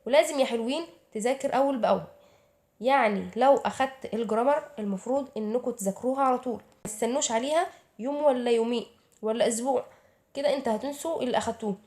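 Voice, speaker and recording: A woman's voice: fairly high pitch, quick pace, darkish tone. A woman with an Egyptian Arabic accent giving casual study advice to her viewers, chatty and answering her own rhetorical questions. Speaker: YouTuber giving study tips.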